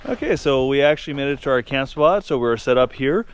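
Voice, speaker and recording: A man's voice: medium pitch, lively intonation, brisk, smooth. A man hosting a hiking vlog, talking casually to the camera outdoors. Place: outdoors in winter mountains. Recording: faint noise, outdoor camera audio.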